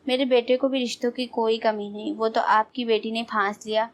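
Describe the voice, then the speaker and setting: A proud middle-aged mother who boasts and tries to take command, voiced by a woman narrating a storybook. The delivery is slightly high and narrow in melody. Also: little pitch movement, close to an everyday voice. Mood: boastful.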